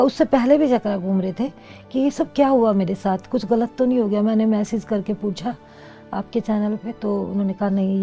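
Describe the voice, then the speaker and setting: A woman's voice: a little high, creaky, mellow, lo-fi sound. A middle-aged woman telling her own story as an interview guest, earnest and reflective. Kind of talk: personal testimony.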